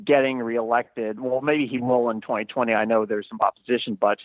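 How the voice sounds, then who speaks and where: A man phones in from Texas to a political talk show, talking casually, politely and a bit hesitantly. His voice is medium in pitch with fairly even intonation and a slightly quick pace. The phone line sounds muffled and tinny, with a dry recording.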